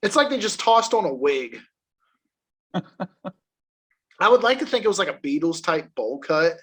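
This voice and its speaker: A man's voice: high-pitched, sing-song, measured pace, fairly bright tone, breathy edge. A man co-hosting a casual podcast, telling a story with swearing and laughter. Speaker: podcast co-host.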